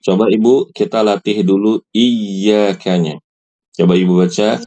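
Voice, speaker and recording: A man guides a small recitation class, patiently repeating each phrase himself. His voice sits very low and unhurried, with a mellow, soft tone. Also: fairly even intonation, a little hiss or hum. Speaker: Quran recitation teacher. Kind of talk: online recitation lesson.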